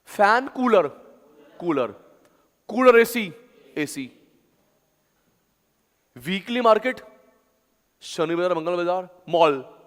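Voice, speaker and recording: A male teacher giving a classroom lecture, drilling terms through loud, chanted call-and-response repetition. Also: high voice, animated, slow, long pauses. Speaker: commerce teacher. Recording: long hall reverb.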